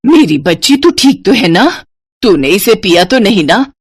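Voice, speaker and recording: A woman's voice: sing-song, unhurried, slightly rough, dry recording, heavily acted. A woman voicing a stern middle-aged mother-in-law who scolds her daughter-in-law. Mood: scolding. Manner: scolding, low and heavy.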